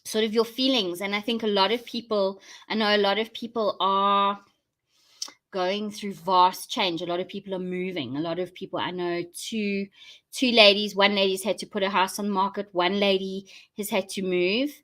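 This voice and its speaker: A woman's voice: mid-range voice, fairly even intonation, normal speed, a bit bright. A South African woman hosting a casual live chat for her viewers, rambling and thinking aloud as she goes. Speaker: host of a live online show.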